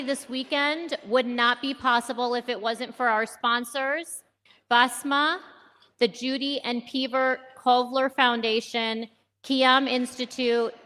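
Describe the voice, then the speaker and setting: A woman leading a charity, giving an earnest, measured welcome speech at a gala, thanking supporters and listing guests. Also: a little high, fairly bright tone. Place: large gala ballroom. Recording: long hall reverb.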